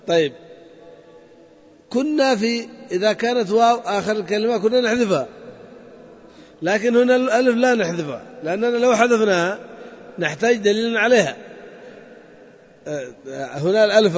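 A man teaching a grammar lesson to a class, methodically repeating points and quizzing his students. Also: sits high. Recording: dull lo-fi sound in a reverberant hall.

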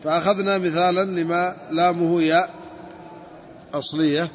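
High-voiced man teaching in an echoing hall. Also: fairly even intonation. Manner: methodical, repeats and spells out word forms slowly. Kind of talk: Arabic grammar lesson. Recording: dull lo-fi recording with long reverb.

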